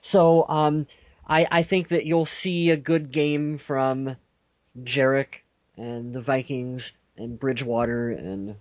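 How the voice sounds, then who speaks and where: A man's voice: mid-range voice, steady tone, slow, no room sound. A man co-hosting a sports podcast, rambling and joking and correcting himself as he goes. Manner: rambling, jokey, self-correcting. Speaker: podcast co-host. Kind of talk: casual sports chat. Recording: dull lo-fi podcast audio.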